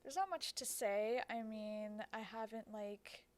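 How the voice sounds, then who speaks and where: Young female podcast guest, around twenty, slightly high voice, soft and trailing. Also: unhurried. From United States. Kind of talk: casual podcast talk.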